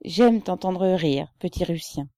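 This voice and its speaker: A muffled, plaintive young man, sullen and awkward, his voice low and dark, as a woman reader puts him on. He speaks slowly and heavily, dry and close to the mic, like a storybook character. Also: expressive, dry recording. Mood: eager. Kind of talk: audiobook character voice.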